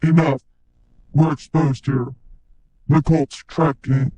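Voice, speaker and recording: A man voices a grim, menacing cyborg game character, delivering terse, ominous, threatening lines slowly in a steady, warm, husky tone. His voice is processed with robotic cyborg pitch and chorus effects.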